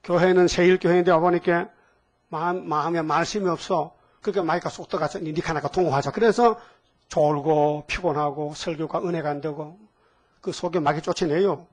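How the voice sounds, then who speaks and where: A man's voice: on the high side, steady tone, moderate pace. A man in his seventies preaching a sermon in a folksy way, asking the congregation questions and adding homely asides. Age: 70s. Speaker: pastor. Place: church hall.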